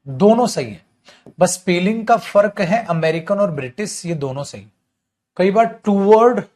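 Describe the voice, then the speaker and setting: A man's voice: fairly high pitch, a little mellow. A man teaching an English grammar class online, scolding and teasing his students as he explains.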